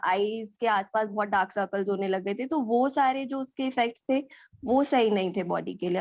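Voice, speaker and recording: A woman's voice: medium pitch, darkish tone, dry recording. A young woman describing her fitness results earnestly and at length, mixing in English words. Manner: earnest, explains at length, Hindi mixed with English. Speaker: participant sharing her results.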